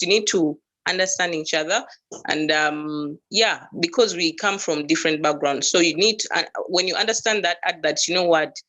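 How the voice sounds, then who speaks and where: A woman speaking on a call with a choppy, breaking-up network line, talking in a halting way as she searches for words. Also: lowish voice, fairly bright tone, rough recording. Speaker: panelist on a call-in discussion. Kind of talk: casual discussion over a call.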